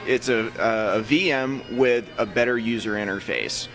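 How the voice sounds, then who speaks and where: A man's voice: medium pitch, normal speed, fairly bright tone, soft background music. A man in casual podcast chat, explaining a technical point at length and restarting his sentences often.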